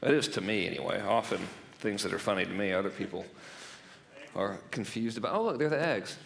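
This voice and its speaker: A man's voice: on the low side, fairly quick, gravelly, a bit bright, long reverb tail, slight background noise. A man presenting at a marketing workshop in a loose, jokey and profane way, laughing at his own gags. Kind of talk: joking seminar talk. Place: event room stage.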